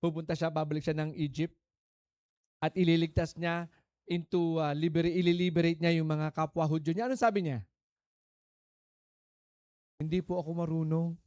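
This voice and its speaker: Filipino pastor preaching, dry and close. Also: male voice, fairly high pitch, fairly even intonation, a little fast, dry recording. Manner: preaching in Tagalog mixed with English, swinging between soft and emphatic; calls out to the congregation for answers, storytelling. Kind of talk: sermon.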